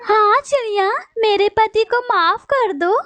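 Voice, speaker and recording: Woman voicing a bossy cartoon wife bird, scolding, threatening, high voice, dry sound. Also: slow, fairly bright tone, no room sound, dull audio, exaggerated voice.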